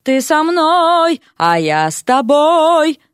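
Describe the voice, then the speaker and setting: A woman's voice: high-pitched, sing-song, slow pace, no echo, clean studio sound, voice pushed up, full character voice. A woman voicing a showy young male wizard student who sings terribly and protests in a whiny, theatrical way. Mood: wailing song. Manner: loud, off-key, theatrical singing and whining.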